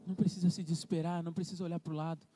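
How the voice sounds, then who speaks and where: A young Brazilian man preaches in a church with a high, light voice, swinging between quiet storytelling and a fervent call to pray. Soft guitar plays faintly behind him. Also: flat delivery, very fast. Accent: Brazilian Portuguese. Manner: storytelling, emotional, rising into fervent prayer call. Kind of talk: sermon with personal story. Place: church hall.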